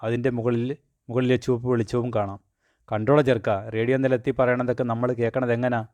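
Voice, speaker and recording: A man's voice: medium pitch, level tone, quick pace, a little mellow, dry recording, lightly acted. Man voicing a superstitious, scolding old grandmother in a storybook reading, close and dry.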